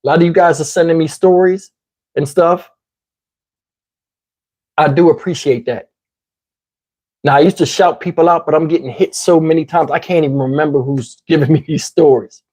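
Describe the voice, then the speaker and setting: A YouTube commentary host speaks to his livestream viewers in a Southern US accent, his voice a little high and darkish with a steady tone. He talks at normal speed but pauses often, rambling conversationally and asking "you know what I'm saying." His voice is tiring and his throat is parched.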